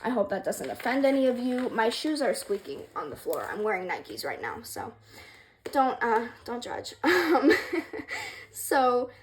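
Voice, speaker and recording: A woman's voice: on the high side, sing-song, a little slow. A young woman casually explaining a craft project, rambling and hesitant with many ums, apologizing for her stuttering, in a room with a wooden floor. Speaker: craft creator. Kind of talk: casual tutorial vlog.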